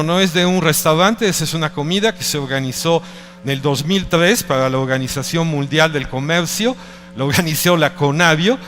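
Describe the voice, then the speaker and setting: A man's voice: on the high side, a bit bright, in a large hall. A middle-aged man from Italy with an Italian accent, giving a conference talk in a hesitant way, often restarting and searching for words. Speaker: speaker at a conference. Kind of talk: presentation talk.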